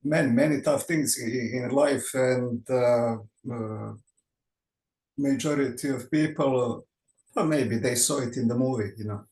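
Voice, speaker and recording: A man from Serbia with a Serbian accent, speaking halting English on a group call, often searching for words and repeating himself. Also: medium pitch, darkish tone, echoey room, poor audio.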